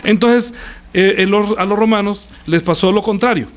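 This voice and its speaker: A man delivers a sermon, with a fairly high voice that swings widely in pitch. He talks like a conversation, turning often to quiz his listeners. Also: moderate pace. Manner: conversational preaching with sudden pitch leaps, questions to listeners. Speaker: pastor.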